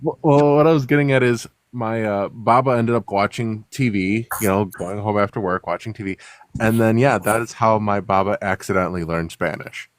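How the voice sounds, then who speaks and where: A man with a Chicago accent, whose first language is Russian, tells stories as a guest in casual conversation, rambling with many fillers and restarts. His voice is on the low side with fairly even intonation, he speaks at normal speed, and there is no room sound.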